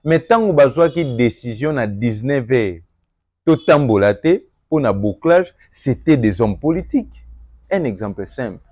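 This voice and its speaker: A young Congolese man with a Congolese French accent giving an earnest address to viewers, moving between calm reflection and emphatic appeals. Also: medium pitch, unhurried, no echo. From Democratic Republic of the Congo. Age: young adult. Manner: earnest, rising to emphatic, mixes French and Lingala. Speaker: political commentator.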